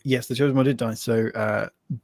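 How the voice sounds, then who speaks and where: A man's voice: medium pitch, fairly even intonation, fairly quick, creaky, a little mellow, dry recording. A man narrating a live tabletop game as game master, laughing often and rambling loosely as he describes scenes.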